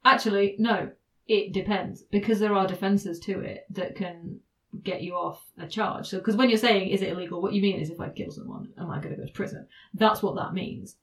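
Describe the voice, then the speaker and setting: A woman's voice: medium pitch, steady tone, brisk, poor audio. Woman, podcast host, casual legal explainer, giggly and filler-heavy. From United Kingdom. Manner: chatty, laughs often, many ums and restarts.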